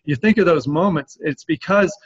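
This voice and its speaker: Man, men's coach, earnest, slightly high voice, muffled lo-fi recording. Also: moderate pace, husky. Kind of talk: casual podcast conversation. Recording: dull lo-fi sound.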